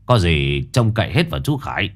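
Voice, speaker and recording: A calm, authoritative old village elder, as a male narrator voices him. He speaks in a lowish voice that rises and falls widely, with the steady tone of someone used to giving orders. This is storytelling, not full acting. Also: brisk, full character voice.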